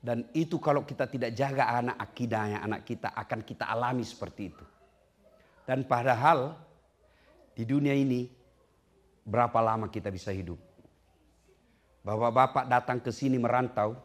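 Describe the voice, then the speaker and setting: A man preaching a lively sermon to a congregation. He asks the listeners direct questions and swings between low, hushed storytelling and high, loud punchlines. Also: moderate pace, pauses often. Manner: addresses the audience directly with questions. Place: community gathering hall.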